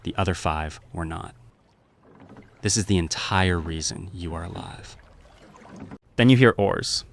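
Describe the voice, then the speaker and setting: A man narrating a scripted story in second person, in a measured, grave and deliberate way. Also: deep voice, creaky, a little hiss or hum.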